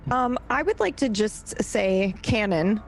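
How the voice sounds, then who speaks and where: A woman's voice: medium pitch, lively intonation, a little slow, rough recording. A woman bantering casually and playfully as a player in a tabletop game. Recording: music faintly behind the voice.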